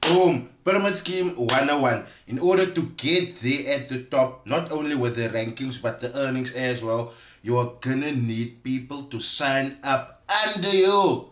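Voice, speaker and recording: A man comments in a reaction video, speaking straight to his viewers. He is pointed and leans on emphatic pauses, with a mid-pitched voice in a roomy, echoey recording. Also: a bit bright, slight background noise. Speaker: commentator exposing online schemes.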